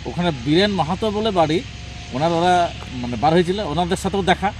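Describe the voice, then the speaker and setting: A man giving an informal, halting eyewitness account. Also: sits high, a little hiss or hum. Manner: halting, repetitive telling. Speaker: local eyewitness being interviewed.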